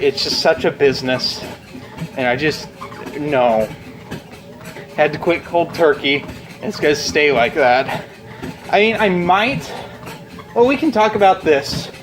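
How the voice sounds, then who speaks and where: A man's voice: a little high, rough recording. Young man rambling while walking on a treadmill. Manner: rambling, blunt, frequent swearing. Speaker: video blogger. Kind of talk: casual unscripted chat to camera.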